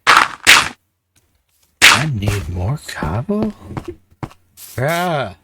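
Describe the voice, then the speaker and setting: A man's voice: medium pitch, wildly swooping pitch, extremely slow, heavy background noise. A man with a New England accent, talking to himself in a dry, wry way while playing a game. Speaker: gameplay streamer. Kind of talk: casual gameplay commentary.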